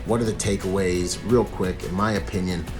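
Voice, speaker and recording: A man's voice: low voice, steady tone, a little fast, over music. A man giving casual, slangy video commentary and analysis as a protection professional, repeating points for emphasis. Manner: slangy, informal, emphatic repetition.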